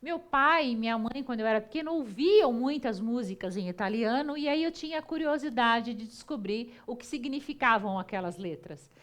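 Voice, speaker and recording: A woman hosting a TV talk show, chatty and lively, often talking to the audience. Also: on the high side, moderate pace, few pauses. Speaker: TV show host.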